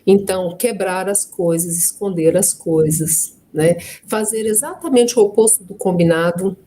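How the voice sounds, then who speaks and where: Brazilian woman in middle age, guest speaker on an online panel, recounting family stories with a mellow, darker tone. She speaks in an easy anecdotal way and keeps checking in with her listener. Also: mid-range voice, unhurried, slight background noise. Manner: warm anecdotal telling, frequent tag questions. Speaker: adoptive mother and guest speaker. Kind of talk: personal storytelling in an online panel talk.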